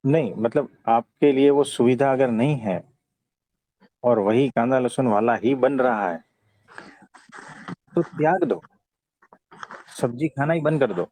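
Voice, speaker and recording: A man with an Indian accent giving a conversational spiritual discourse, teaching in a calm, gentle way and often checking for agreement. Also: mid-range voice, unhurried, pauses often, dry recording, rough recording. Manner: didactic, often seeks agreement with short tag questions. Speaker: spiritual teacher answering devotees' questions.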